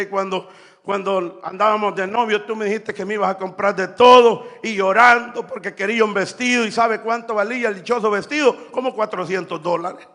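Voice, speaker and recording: A male pastor preaching a fiery sermon, shouting phrases and crying out hallelujah. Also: extremely high pitch, long reverb tail. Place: church.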